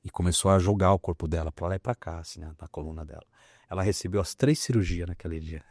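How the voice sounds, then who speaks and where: A man, a pastor telling a healing story in an animated, emphatic way. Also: deep voice, quick pace, husky, no echo. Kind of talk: testimony in a conversation.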